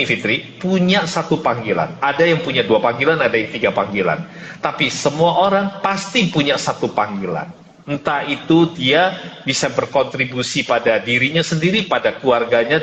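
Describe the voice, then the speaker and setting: A man's voice: on the high side, a bit bright. A man hosting an online mentoring session, greeting joiners by name and giving an earnest motivational talk, his voice carrying a heavy cathedral-like echo. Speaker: host and business mentor. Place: closed room. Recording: echoey hall with long reverb, faint hiss.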